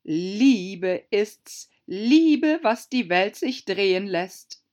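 A woman's voice: medium pitch, expressive, drawn-out words, darkish tone, muffled recording, voice pushed up. A woman voicing a fussy, moralizing old Duchess with a pompous, sing-song manner. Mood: preachy.

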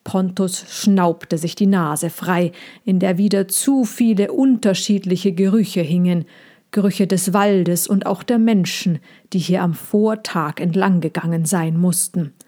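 Woman reading a kids story, slow and hushed, mellow warm voice. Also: on the low side. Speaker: narrator.

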